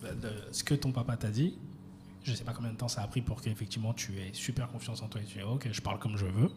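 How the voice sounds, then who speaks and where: Fast-talking man hosting a podcast. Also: mid-range voice, fairly even intonation. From France. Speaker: podcast host. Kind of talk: conversational podcast interview. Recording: reverberant room with faint noise.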